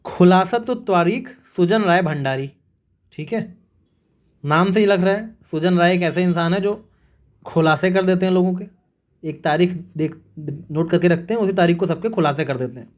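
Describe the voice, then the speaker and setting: A man's voice: high-pitched, dull audio. A man teaching an exam-prep revision lesson, drilling facts with mnemonics and repeating "remember this" and "okay" often. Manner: brisk, repetitive drilling with frequent "याद रखना" and "ठीक है".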